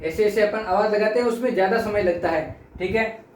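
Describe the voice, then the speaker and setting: A man's voice: sits high, brisk. A man teaching a lesson, explaining patiently, repeating phrases and drawing out vowel sounds to show them. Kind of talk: classroom lesson. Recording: echoey room, mic at a distance, faint noise.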